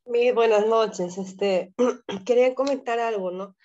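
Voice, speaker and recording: A woman's voice: fairly high pitch, slow pace, dark tone, dull audio. A woman student with a Peruvian accent, making a hesitant comment in class, with fillers. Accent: Peruvian Spanish.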